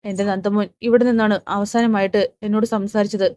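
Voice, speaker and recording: A woman's voice: mid-range voice, little pitch movement, fairly quick, darkish tone, no echo, studio quality, lightly acted. A woman voicing a grieving, pleading older mother. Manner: pleading, distressed.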